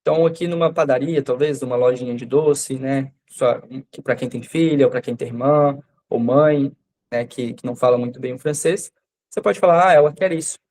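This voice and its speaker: A male language teacher whose first language is Portuguese, running a live online French class. He speaks at an ordinary pitch and explains grammar patiently, stopping often to check that his students understand. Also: a little fast, darkish tone.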